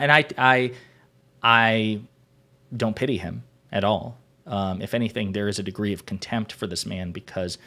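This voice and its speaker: A man with a fairly low voice hosts a political commentary show. He talks in a casual, unscripted way, yet picks his words deliberately. His phrasing is wordy and opinionated, with formal vocabulary. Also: fairly bright tone.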